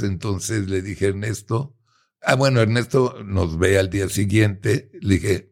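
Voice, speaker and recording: Gravelly Mexican man telling a story. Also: lowish voice. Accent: Mexican Spanish. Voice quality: gravelly, husky. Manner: animated, swears freely, acts out both sides of dialogue. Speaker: advertising agency owner telling a story. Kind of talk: casual storytelling.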